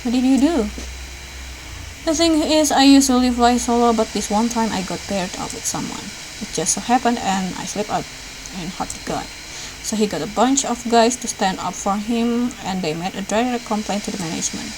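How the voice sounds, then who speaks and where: An Indonesian woman playing through a visual novel reads its dialogue aloud, acting the lines out lightly. Her voice is on the high side at a moderate pace, against a noisy background.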